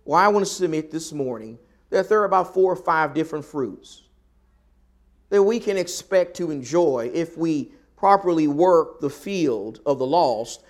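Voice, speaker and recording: A man with a Southern US accent preaching a sermon, repeating phrases for emphasis with deliberate pauses. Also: on the high side, animated. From American South. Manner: rhetorical repetition with emphatic pauses.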